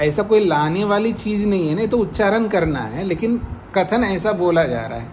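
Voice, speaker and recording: A man teaching a classroom lecture on scripture, explaining slowly, repeating phrases and dictating meanings for students to write down. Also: high-pitched, lively intonation, a little mellow, slight background noise. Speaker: Vedic philosophy teacher.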